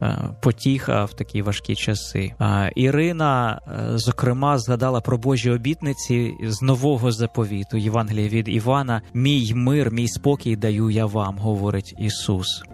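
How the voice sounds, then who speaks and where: Measured male radio host. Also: medium pitch, darkish tone. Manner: measured, formal, summarizing. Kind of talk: radio call-in hosting.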